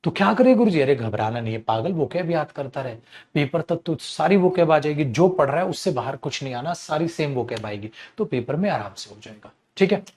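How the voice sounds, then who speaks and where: A middle-aged male teacher runs an exam-prep English class, coaxing his students along. His fairly high voice swings up and down as he drags out key words and reads the example sentences slowly. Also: lively intonation, a little mellow. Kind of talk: online exam-prep lesson.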